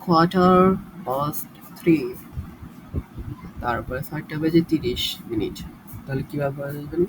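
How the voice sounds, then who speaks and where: A man giving a casual spoken English lesson, drilling words again and again, with quick asides between the drills. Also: fairly high pitch, background noise. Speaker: self-taught English learner teaching basics.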